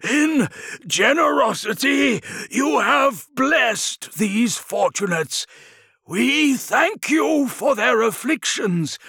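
A man's voice: extremely high pitch, lively intonation, extremely slow, vocal fry, sharp tone, husky, dry recording, studio quality, voice pushed up, exaggerated voice. A man voicing a fanatical male plague-cult sorcerer who intones prayers in a warbling, ecstatic voice.

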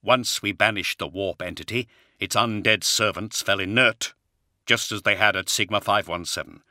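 A calm, thoughtful commander who weighs each word, played by a male narrator. The voice is forceful and bright, recorded close and dry. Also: fairly low pitch, no echo. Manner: calm, slow and deliberate.

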